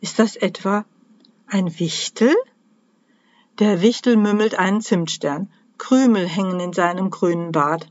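A woman who writes children's books, reading a Christmas story aloud to children in a cheerful, lively way. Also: mid-range voice, unhurried, no echo, dull audio.

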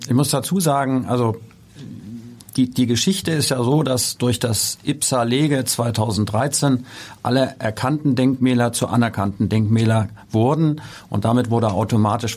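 A man's voice: lowish voice, a little mellow, slightly rough. Hesitant middle-aged man. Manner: thoughtful, hesitant with many fillers. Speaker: guest, construction company executive. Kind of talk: interview answers. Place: podcast studio.

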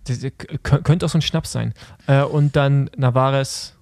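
A man's voice: medium pitch, fairly even intonation, moderate pace, darkish tone, dry recording. A man co-hosting a casual podcast chat, talking loosely with frequent fillers and leading the segments. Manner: conversational, hesitant fillers, leads segments. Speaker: podcast co-host. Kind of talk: casual chat about cycling.

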